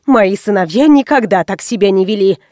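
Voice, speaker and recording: A woman's voice: mid-range voice, lively intonation, brisk, mellow, no echo, clean studio sound, natural voice. A woman voicing a prim lady with a headache who scolds reproachfully, in an audiobook. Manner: reproachful, sighing.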